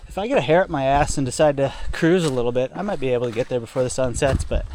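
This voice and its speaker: A man's voice: mid-range voice, a little hiss or hum. A young man vlogging casually outdoors on a trail, laid-back and rambling, saying "like" and "dude" a lot. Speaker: thru-hiker vlogger. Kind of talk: casual vlog monologue while hiking.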